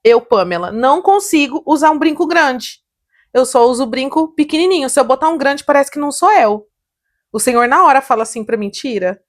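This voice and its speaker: Brazilian woman, young adult, podcast guest, lively storyteller, fairly high voice, laughs a lot. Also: brisk. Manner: animated storytelling, laughs often, acts out quotes. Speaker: guest, salon owner. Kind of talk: casual podcast interview.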